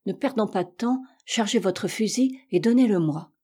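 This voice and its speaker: A woman reading the lines of a brave, commanding male polar captain in a calm, firm voice. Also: mid-range voice, normal speed, husky. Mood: resolute.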